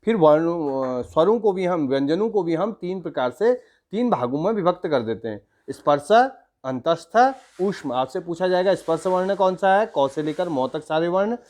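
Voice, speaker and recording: Male school teacher, Uttarakhand Hindi accent, slightly high voice, patient step-by-step explainer who chants examples. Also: expressive, normal speed, darkish tone. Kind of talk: grammar lesson for school students.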